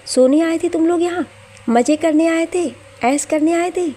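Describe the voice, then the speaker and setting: A woman voicing an angry young husband who shouts bitter accusations at his wife. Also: very high-pitched, fast talker, pitched above the performer's own voice. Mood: shouting.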